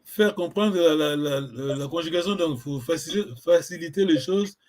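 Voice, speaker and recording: A man teaching a language lesson, patiently repeating words slowly for a learner. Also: fairly high pitch, a little mellow.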